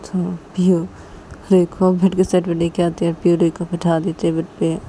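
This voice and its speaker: A woman casually narrating a romantic story in plain, unhurried words. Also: lowish voice, flat delivery, mellow, slight background noise, low-quality recording.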